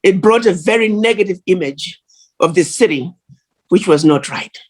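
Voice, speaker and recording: A woman speaking at a virtual conference, delivering an earnest, measured address over a video call. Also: lowish voice, animated, a little mellow, breathy edge. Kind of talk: formal address.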